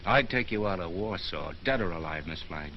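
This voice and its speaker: A man's voice: low-pitched, expressive, moderate pace. An actor playing a slick, persuasive big-city newspaperman, glib and insistent, in 1930s screwball comedy banter from an old film. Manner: glib, insistent salesman patter. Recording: muffled, very noisy 1930s film soundtrack.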